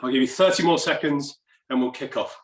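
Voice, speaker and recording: A high-energy middle-aged fitness coach exercises while instructing a live HIIT workout in a home gym, firing off short urgent commands and countdowns in a barking style. He speaks at a medium pitch and fairly quickly. The camera mic sits a few steps away, giving a distant, roomy echo.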